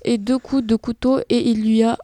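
A woman's voice: on the high side, level tone, normal speed, warm tone, no room sound, close to an everyday voice. A woman voicing a gossipy, dramatic female golden apple, telling her tale with indignant alarm in an amateur web radio reading. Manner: indignant, breathless storytelling.

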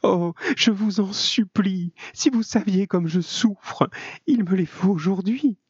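A man's voice: sits high, slow pace, husky, no echo, pitched above the performer's own voice, full character voice. A man voicing an anxious, hypnotized young woman who stammers and pleads. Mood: desperate pleading. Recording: dull lo-fi, dry.

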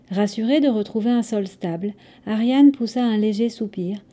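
A woman narrating a scripted story episode in a measured, dramatic way. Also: mid-range voice, mellow.

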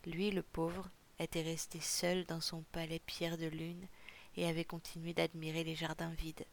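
Audiobook narrator, gravelly, steady and even, reads fiction aloud. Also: mid-range voice, slight background noise. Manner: measured, even storytelling. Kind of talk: audiobook reading.

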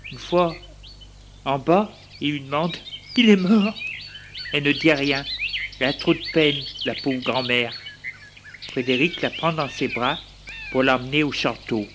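Slow, measured storybook reader, mid pitch, noisy recording with birdsong. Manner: measured, deliberate phrasing. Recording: noisy, with birds chirping behind.

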